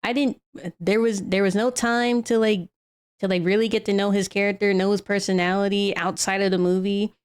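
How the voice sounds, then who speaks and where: A woman giving casual reaction commentary in a halting way, often repeating and restarting her phrases. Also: medium pitch, flat delivery, smooth. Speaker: reactor streamer.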